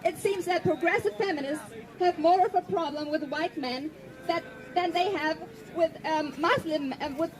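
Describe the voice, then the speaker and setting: Against a noisy background, the German-born activist speaks in a high pitch, her first language being German. Her prepared speech to the audience is earnest and pointed, with slowdowns for emphasis.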